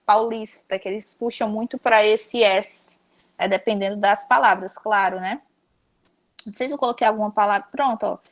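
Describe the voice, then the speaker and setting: A woman's voice: medium pitch, steady tone, normal speed. A young woman with a Cearense Brazilian accent, teaching an online class in a chatty, upbeat way and talking straight to her students. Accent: Cearense Brazilian Portuguese. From Ceará, Brazil. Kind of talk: casual online class lesson.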